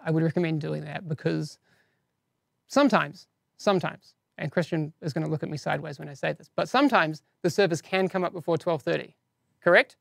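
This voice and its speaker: A man with a heavily gravelly, fry-laden voice and an accent hosts a live game-news stream. He talks casually to chat in a dry, close-sounding room, slipping in self-deprecating asides between updates. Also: on the high side, no echo. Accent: non-standard English accent, teased by viewers.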